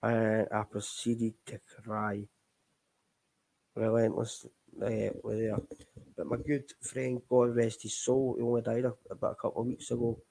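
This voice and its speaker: Middle-aged Scottish man, recovery show host, gravelly and low-toned, loose candid ramble. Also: level tone, unhurried, warm tone, low-quality recording. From Scotland. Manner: candid, rambling, addresses listeners as folks. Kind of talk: casual live chat.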